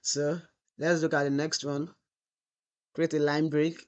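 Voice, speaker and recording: On a lo-fi recording, a man speaks in a fairly high, level, unhurried voice. He teaches web development through a screen-recorded tutorial, drawling the example text as he types and asking the class rhetorical "what?" questions that he then answers.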